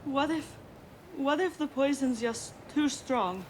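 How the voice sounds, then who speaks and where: A woman's voice: sits high, lively intonation, slow pace, slight background noise. A woman playing a curt, distrustful female assistant in a mystery video game, dry and disdainful. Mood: worried.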